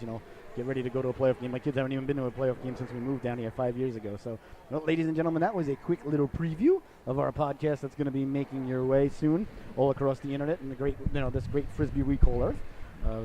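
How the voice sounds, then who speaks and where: A middle-aged man does play-by-play for an amateur hockey broadcast, rambling chattily, joking with viewers and sniffling from a cold. His mid-range voice sounds warm, while the rough recording carries a slight hiss or hum.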